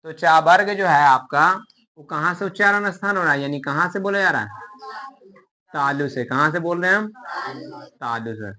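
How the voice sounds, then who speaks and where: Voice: mid-range voice, animated, normal speed, long pauses, pushed and bright. A grammar teacher giving a lesson, sounding out letters one by one and answering their own questions. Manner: repeats syllables and asks questions then answers them.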